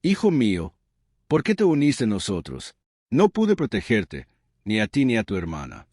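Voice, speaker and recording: A man's voice: huge pitch swings, normal speed, darkish tone, no room sound. Grieving storybook father, man narrator voicing, desperate, anguished, dry close sound. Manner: anguished crying pleas, voice rising high.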